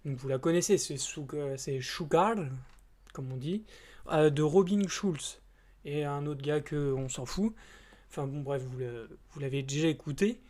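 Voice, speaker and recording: A man's voice: on the high side, measured pace, darkish tone. A man chatting casually to camera as a YouTuber. He rambles and hesitates, with many fillers and restarts, in informal, slightly crude speech.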